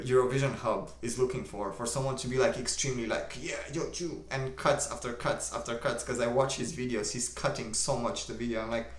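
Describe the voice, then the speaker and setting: Young romanian guy chatting on a livestream, mild easygoing voice, mid pitch, echoey room. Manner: reads viewer comments aloud and answers them, calm and mild. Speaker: livestream host. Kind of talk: casual live-stream chat.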